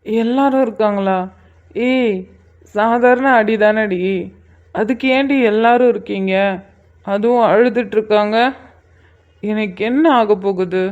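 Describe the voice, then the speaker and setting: A woman's voice: mid-range voice, steady tone, a little slow, long pauses, darkish tone, muffled recording, lightly acted. A woman voicing a playful young husband in a cartoon, soothing his worried family from a hospital bed. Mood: reassuring. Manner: teasing, soothing. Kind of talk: cartoon voice acting.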